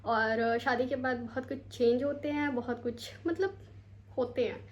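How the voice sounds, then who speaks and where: Here a young woman from India talks to her camera at home in her bedroom, rambling casually and using English words here and there, tired and sore after her day. Her high voice has fairly even intonation and a slightly slow pace, and the audio sounds dull.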